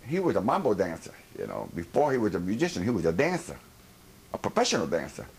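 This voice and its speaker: A man's voice: fairly low pitch, wildly swooping pitch, fast, gravelly, rough recording. A man explaining in a casual way in a documentary interview.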